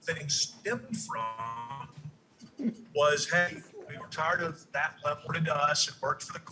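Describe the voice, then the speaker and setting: A county commissioner calling into a meeting by phone, his halting voice breaking up on a bad video connection. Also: a little high, expressive, music in the background, low-quality recording. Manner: halting, repeats words while the connection drops. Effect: choppy breaking-up video call audio. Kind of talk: public meeting remarks. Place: in a moving car. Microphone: phone on a video call.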